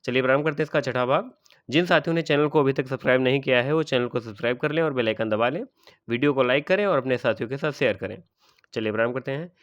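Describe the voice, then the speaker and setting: A man's voice: mid-range voice, fast, no echo. Male Hindi exam tutor, methodical, answers his own questions, dry, slightly muffled close recording. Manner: repeats each word and checks with "ठीक है". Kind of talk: spelling lesson for exam aspirants.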